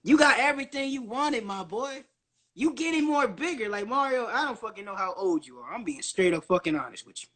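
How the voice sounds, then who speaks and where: High-pitched young man chattering nonstop. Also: expressive, brisk, bright, forceful tone. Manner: profane, slangy. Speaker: guest on a social media live stream. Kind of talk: casual livestream monologue.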